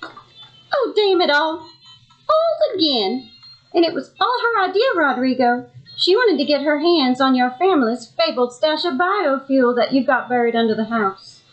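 A scheming impostor wife, husky and low. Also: female voice, expressive, unhurried, highs cut off. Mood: pleading. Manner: melodramatic, breathy soap-opera delivery. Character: scheming adult woman, impostor twin wife. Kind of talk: parody radio soap acting.

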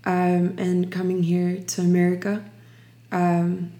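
Slow, reflective young woman from Ukraine. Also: lowish voice, monotone, warm tone. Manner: slow, reflective, many restarts. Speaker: guest sharing testimony. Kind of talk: personal testimony interview.

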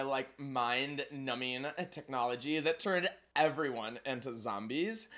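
A bubbly, giggly time traveler, voiced by a man in an exaggerated Valley Girl accent for a comedy table read. The voice sits a bit high, and "like" is sprinkled through everything in a breathless rush. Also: fairly bright tone.

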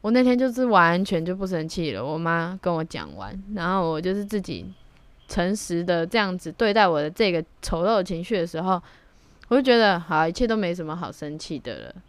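A young woman talks casually into a close podcast mic. Her voice is low and smooth, and the sound is dry and close. She is frank and reflective and drops in blunt slang now and then. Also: expressive, a little fast, dry recording. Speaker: podcast host. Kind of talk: casual solo podcast monologue.

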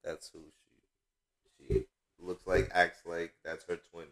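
A man's voice: sits low, completely flat delivery, slow pace, a crowd in the background. A man chiming in with short, matter-of-fact remarks during a casual chat. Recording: echoey, with loud background noise.

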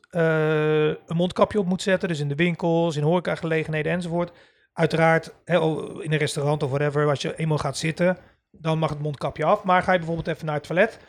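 Hesitant podcast co-host, slightly high voice. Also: male voice. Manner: hesitant with many fillers and restarts. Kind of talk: casual podcast chat.

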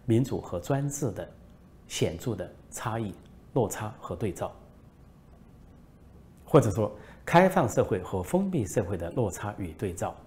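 A man's voice: measured pace, pauses often. A man delivering a political commentary monologue, emphatic and storytelling. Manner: emphatic, lively pitch, storytelling.

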